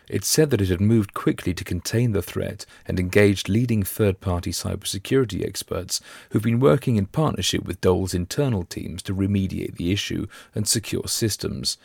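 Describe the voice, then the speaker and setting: A man with a croaky, gravelly voice after flu, reading scripted news for a podcast in a measured, formal way. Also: low-pitched, a little mellow, no room sound, clean studio sound.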